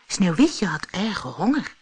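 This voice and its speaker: Slow breathy woman telling a fairy tale. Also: on the low side. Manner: expressive, lively. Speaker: storyteller. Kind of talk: scripted fairy-tale narration.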